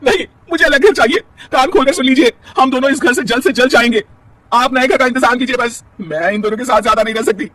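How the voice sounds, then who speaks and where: A man voicing a spoiled, bossy young married woman with a shrill, whining voice. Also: expressive, fast talker, bright, forceful tone, breathy edge, distant mic, heavily acted.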